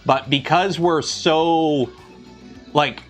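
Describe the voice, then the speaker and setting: On a livestream about 3D printing, a thirties-aged man with a light Southern Ontario accent rambles loosely, using many fillers. His voice sits on the high side with a steady tone, and he talks very slowly over soft background music.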